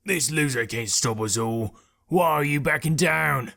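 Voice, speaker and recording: A man's voice: a little high, a little slow, creaky, pushed and bright, pitched above the performer's own voice, heavily acted. A man voicing a blustering male bandit leader in an audiobook, bellowing threats. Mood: threatening. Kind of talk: audiobook character voice.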